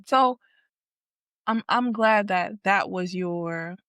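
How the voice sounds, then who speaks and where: A woman's voice: mid-range voice, slow, fairly bright tone, clear, resonant tone, no echo, clean studio sound. A woman hosting a podcast interview, asking probing follow-up questions and affirming often. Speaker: podcast host. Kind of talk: conversational interview.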